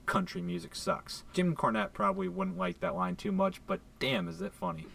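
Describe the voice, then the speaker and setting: A man with a high, heavily gravelly voice narrates a countdown list with sarcastic, swearing asides. The sound is a playback heard from across the room. He reads a script in a mocking tone. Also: flat delivery, normal speed, a bit bright, far from the mic. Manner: sarcastic, profane. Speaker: wrestling video narrator.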